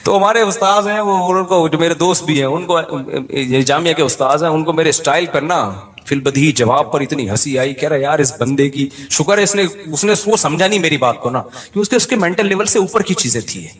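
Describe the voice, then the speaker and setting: A man's voice: fairly high pitch, brisk, few pauses, a bit bright, in a large hall. A man giving a humorous religious lecture, telling stories in a joking way and laughing between points. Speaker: Islamic scholar giving a talk.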